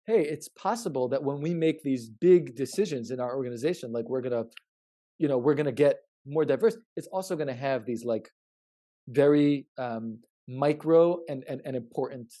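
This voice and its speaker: This man's voice is mid-range with a dark tone. On a podcast, he explains his research haltingly, repeating himself, often stressing points and checking in.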